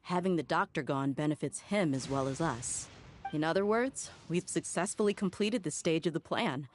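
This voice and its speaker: A thoughtful young female ally in a video game, voiced by a woman, with a slightly low voice and a measured, reassuring way of talking. There is a faint hiss behind her. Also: close to an everyday voice. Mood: calm.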